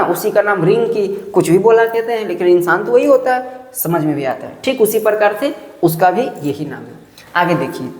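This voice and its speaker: A woman's voice: mid-range voice, darkish tone. Woman teaching in an echoey room. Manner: explains step by step, quizzing students with rhetorical questions. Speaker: Hindi grammar teacher. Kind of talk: classroom-style online lesson. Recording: echoey room with long reverb.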